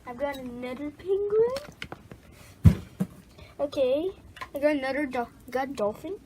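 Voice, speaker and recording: A woman's voice: high voice, animated, unhurried, very noisy. A woman narrating her bath toy play for kids in a playful, casual way, making little bloop and quack sounds. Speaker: toy video host.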